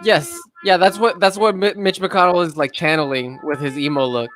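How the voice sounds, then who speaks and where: A man co-hosting a live stream, making wry, halting comments and reading chat aloud. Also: sits high, fairly even intonation, a bit bright, soft background music. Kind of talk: casual commentary over a broadcast.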